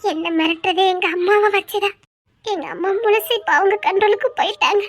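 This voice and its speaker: Woman acting a weeping, pleading young woman, very high pitched, audio drama heroine. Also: brisk. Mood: desperate confession. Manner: weeping, pleading, laughing through tears. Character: tearful young woman torn between love and a forced mission.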